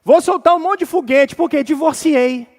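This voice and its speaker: A man's voice: very high voice, normal speed, darkish tone, long reverb tail. A Brazilian man preaching a casual sermon as pastor, talking informally and addressing the congregation directly with everyday slang. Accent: Brazilian Portuguese. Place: church sanctuary.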